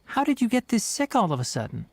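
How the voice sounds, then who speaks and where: An actor playing a stern but caring young male forest watcher in a video game, brisk, matter-of-fact and gently scolding. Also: high-pitched, wildly swooping pitch, gravelly, slight background noise, heavily acted. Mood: concerned. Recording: game audio with background music.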